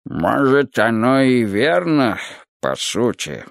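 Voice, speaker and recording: A man voicing an elderly male Soviet leader who chairs a meeting in a slow, tired drawl, in an audiobook reading. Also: mid-range voice, sing-song, no room sound, studio quality. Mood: weary drawl.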